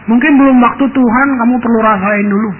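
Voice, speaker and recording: A man's voice: very high-pitched, steady tone, fast talker. A male pastor telling a story in a sermon, often turning to address the congregation directly. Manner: keeps addressing the congregation as brothers and sisters. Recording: tinny lo-fi radio sound, faint hiss.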